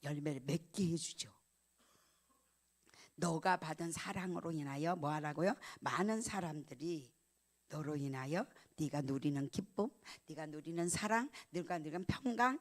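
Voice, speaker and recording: A middle-aged woman pastor giving a sermon, telling a personal story with emotion and swinging from loud emphatic lines to hushed, almost whispered ones. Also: low-pitched, animated, unhurried.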